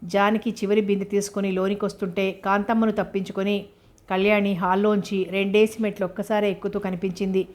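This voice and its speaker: A woman narrating a serialized novel as an audiobook, in a steady, measured manner. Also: medium pitch.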